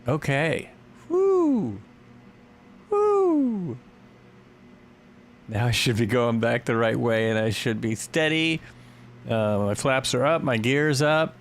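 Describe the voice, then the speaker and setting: A man hosting a live stream, chatting casually with viewers while he flies, thinking aloud and breaking into excited yelps and cheers. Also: medium pitch, unhurried, a little hiss or hum.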